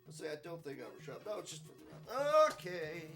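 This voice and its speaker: A man with a high, bright voice gives casual live commentary on a speedrun. He is tired and yawning, and keeps breaking into rambling, self-mocking jokes. The delivery is loose and chatty. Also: sing-song, brisk, faint music behind.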